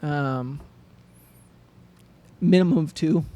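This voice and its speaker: A man's voice: a little high, slow pace, dark tone. A young man co-hosting a coffee podcast, chatting casually and playfully joking with his co-host. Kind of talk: casual chat.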